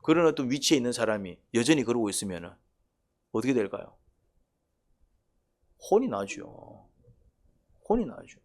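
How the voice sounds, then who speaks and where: A man's voice: mid-range voice, expressive, moderate pace, pauses often. A man preaching a sermon as pastor, asking the congregation questions and acting out quoted voices.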